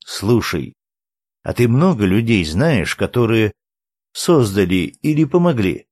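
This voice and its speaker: A man's voice: lowish voice, very animated, a little slow, a little mellow, no room sound. A man reading an audiobook, voicing a blunt, practical male character who prods with dry questions. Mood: prodding. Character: blunt, practical red-haired violinist man.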